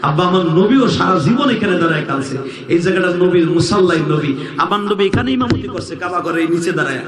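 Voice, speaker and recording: A man's voice: high-pitched, expressive, brisk. A man from Bangladesh preaching an emotional, sing-song sermon to an outdoor crowd. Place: outdoor religious gathering. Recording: echoey open-air PA sound.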